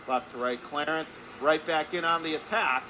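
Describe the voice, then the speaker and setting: A man with a fairly high voice calls live hockey play-by-play on the radio at normal speed, in clipped running phrases that rise with the action. Loud hockey arena ambience runs constantly behind him.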